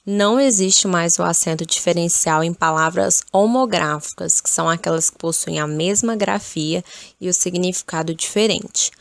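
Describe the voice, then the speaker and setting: A woman teaching spelling rules, reading definitions and example words in a slow, steady way. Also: lowish voice, vocal fry, no room sound.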